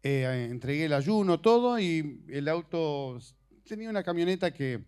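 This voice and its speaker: This Portuguese-native preacher and missionary, middle-aged and male, has a notably high voice that's animated, a little mellow and clean in tone. His informal, story-based sermon comes out conversational and halting, sprinkled with jokes.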